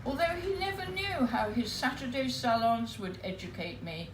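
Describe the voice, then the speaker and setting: A woman at a live spoken word night, reading her own memoir piece aloud in an unhurried, expressive storytelling manner. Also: on the high side, a little hiss or hum. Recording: roomy live venue.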